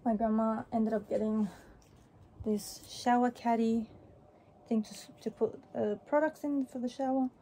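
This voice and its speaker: A young adult woman chats casually and offhandedly in a small room for a haul vlog, rambling a little. Her voice is fairly high and dark-toned, with fairly even intonation and a slightly slow pace. Faint background noise is audible.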